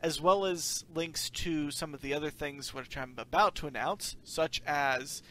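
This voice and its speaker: A man's voice: on the high side, a little slow, bright, forceful tone. A man hosting a casual podcast chat, introducing the panel and making announcements. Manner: chatty, running the show with announcements. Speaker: podcast host.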